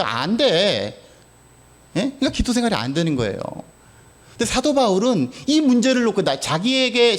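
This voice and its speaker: A male pastor preaching a sermon in a conversational, storytelling way, full of rhetorical questions. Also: extremely high pitch.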